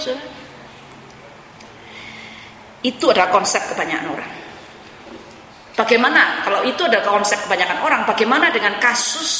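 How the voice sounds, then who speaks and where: A woman's voice: medium pitch, sharp tone, a little hiss or hum. Woman preaching in an echoey hall. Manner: addresses listeners as saudara, mixes in English phrases. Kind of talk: sermon.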